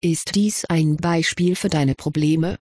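A curious, kindly male wizard professor, as a reader puts him on, questions a student with mild amusement in an audiobook. The voice is husky and a little breathy. It sounds close and dry. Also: medium pitch, steady tone, slow, no room sound. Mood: probing. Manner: gently questioning, mildly amused. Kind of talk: audiobook character reading.

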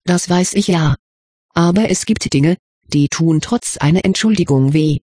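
A croaky, worn-out teenage witch girl voiced by an audiobook reader grumbles in a husky, breathy tone. The recording is dry and close, with no room sound. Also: medium pitch, a little slow, dark tone, no room sound. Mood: gentle. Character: weary teenage witch girl, sharp-tongued. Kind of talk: audiobook reading.

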